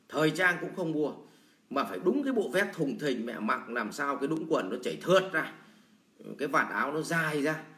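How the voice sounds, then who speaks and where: A man's voice: a little high, a bit bright. A man teaching sales in a blunt, colloquial lecture full of everyday examples. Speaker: sales trainer. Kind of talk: lecture answering a viewer question. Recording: roomy echo.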